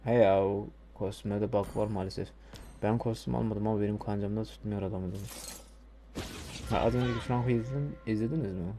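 A young man playing a mobile game and commenting casually, swearing and getting loudly frustrated. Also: lowish voice, fairly even intonation, fairly quick, over music. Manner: frustrated, swearing, loud bursts of anger. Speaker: gamer streamer.

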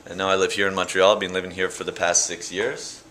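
A young man from Canada talking casually about his paintings at his gallery show, relaxed and rambling, with fillers and restarts. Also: low-pitched, fast talker, slight background noise. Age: young adult. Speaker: painter interviewed at his exhibit. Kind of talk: casual interview answers. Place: art gallery indoors. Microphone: handheld camera close by. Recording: echoey gallery room.

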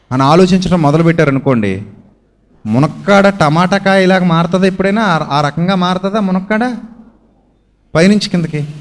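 A man preaching in Telugu with a fairly high voice. He drops low and quiet, then lifts into loud, drawn-out lines of emphasis. He keeps asking the listeners questions and answers them himself. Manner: asks the listeners questions and answers them, with homely everyday examples. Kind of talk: sermon.

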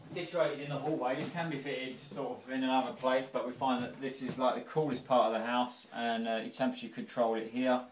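A man's voice: medium pitch, slight background noise. A man in his thirties, a heating engineer, explaining an installation in a home kitchen and hallway in a chatty, informal way with many fillers. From England. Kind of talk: casual walkthrough explaining an installation. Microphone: camera-mounted mic, filmed by someone else. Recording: roomy, distant camera sound.

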